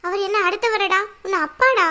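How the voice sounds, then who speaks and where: A woman voicing a worried middle-aged mother in a cartoon who scolds and pleads for calm. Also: very high-pitched, a little fast. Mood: scolding. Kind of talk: cartoon voice acting.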